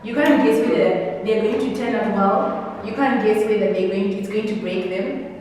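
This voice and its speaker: A woman's voice: mid-range voice, normal speed, a little mellow. A woman with a Zimbabwean accent in casual, opinionated chat, speaking emphatically and repeating phrases to drive points home. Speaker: YouTube vlogger. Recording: echoey reverberant room, distant mic, faint noise.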